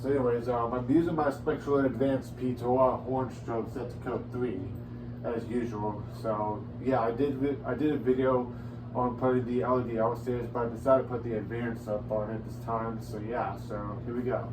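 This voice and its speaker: A man's voice: mid-range voice, level tone, moderate pace, far from the mic. A man hosting a hobby video, chatting casually and rambling a little as he repeats himself. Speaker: YouTube hobby video host. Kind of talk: casual vlog chat to camera. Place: indoors in a room at home. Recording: echoey room, faint background noise.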